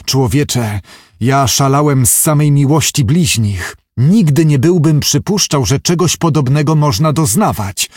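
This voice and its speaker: A man's voice: fairly high pitch, lively intonation, unhurried, a little mellow, no room sound, clean studio sound, pitched above the performer's own voice. A man reading an audiobook, voicing a gloomy, shaken businessman who talks in anxious, confiding tones. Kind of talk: audiobook character voice.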